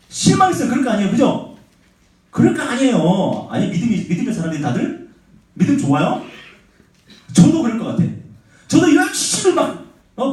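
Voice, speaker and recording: Lively pastor in an echoey hall. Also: male voice, a little high. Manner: animated, acts out dialogues with God, asks the audience questions. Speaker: youth pastor. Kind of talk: sermon to high school students. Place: church sanctuary. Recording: echoey church hall from far off.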